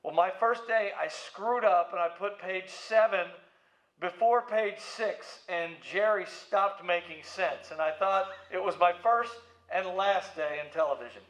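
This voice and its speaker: This middle-aged American man, a museum president and CEO, answers interview questions casually and playfully, leaning on anecdotes and stories. His voice sits high and fairly bright, at a measured pace. The room is echoey and the audio slightly dull.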